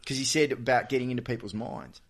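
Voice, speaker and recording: A man, a podcast guest and sports coach, telling animated stories in casual chat and laughing often. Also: medium pitch, fast.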